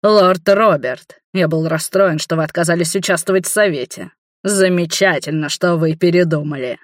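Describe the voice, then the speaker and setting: An audiobook reader voicing a proud, booming male king in a fantasy novel, loud and solemn. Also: normal speed, no echo, studio quality, lightly acted.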